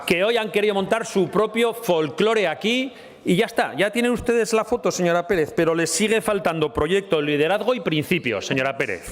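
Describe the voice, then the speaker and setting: A man's voice: high-pitched, lively intonation, a little fast, a little hiss or hum. A man giving a combative parliamentary speech, repeatedly addressing his opponent by name. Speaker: parliamentary spokesman. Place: parliament chamber. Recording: reverberant chamber with murmuring crowd.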